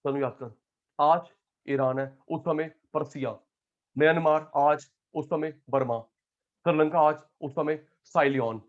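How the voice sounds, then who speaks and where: A man lectures a live class in a fairly high voice. He calls on students by name, swinging from loud calls to quiet asides. The classroom recording sounds dull and lo-fi. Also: fairly even intonation, measured pace. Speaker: economics teacher.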